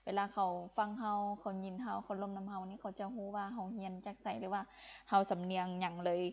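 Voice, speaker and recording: A woman's voice: mid-range voice, steady tone, quick pace, dull audio. A young woman from Laos teaching Vietnamese in a live-streamed lesson, encouraging and repeating phrases for emphasis.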